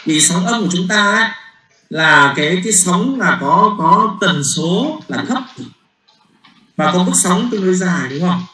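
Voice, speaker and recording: Guy teaching physics, bright voice, keeps asking if the class gets it, roomy classroom echo. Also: high voice, expressive, moderate pace, slight background noise. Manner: explains step by step, often checks with the class, repeats words while thinking. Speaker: university physics lecturer. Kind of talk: classroom lecture.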